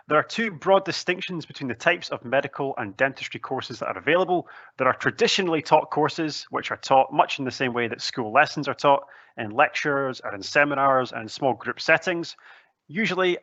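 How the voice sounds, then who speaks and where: Young male presenter, broad Scottish accent, conversational and articulate, bright tone, dry close headset sound. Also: mid-range voice, no room sound, dull audio. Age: young adult. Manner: chatty, articulate, lightly humorous. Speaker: student recruitment officer giving a presentation. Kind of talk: conversational pre-recorded presentation. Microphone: headset, seen on webcam.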